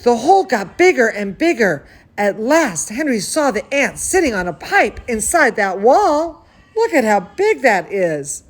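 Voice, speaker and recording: Her voice sits on the high side and is full of animation, moving at a measured pace. This bedtime story host, who also works as a cooking teacher, reads aloud to young children, adding warm, talkative comments and exclamations along the way.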